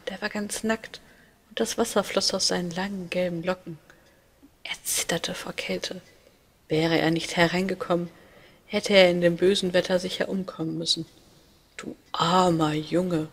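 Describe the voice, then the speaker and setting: Breathy woman softly reading a fairy tale. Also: fairly low pitch. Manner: hushed, calm and breathy. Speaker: storyteller. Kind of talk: soft, partly whispered fairy-tale reading.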